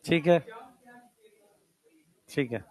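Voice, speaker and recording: A male teacher giving a classroom lecture. He calls his students "beta", mixes in English technical terms, and keeps urging them to write quickly. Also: a little high.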